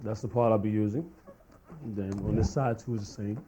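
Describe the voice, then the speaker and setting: A man's voice: fairly low pitch, fairly even intonation, fairly quick, low-quality recording. A man demonstrating a beat-juggling routine, explaining each step casually while he works the turntables. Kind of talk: step-by-step tutorial over turntables. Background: record scratching and music.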